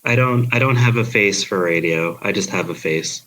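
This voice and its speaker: A man from Queens, New York, with a Queens accent, chatting on a podcast in a sleepy, deadpan monotone. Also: fairly low pitch, moderate pace, low-quality recording. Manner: deadpan, dry. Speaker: podcast co-host. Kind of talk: casual podcast chat.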